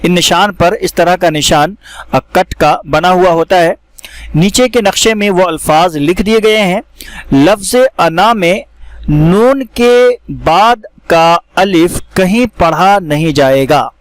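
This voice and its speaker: A man teaching how to read the Quran, explaining each word and then reciting it slowly with drawn-out vowels. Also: sits high, no echo. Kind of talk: step-by-step recitation lesson.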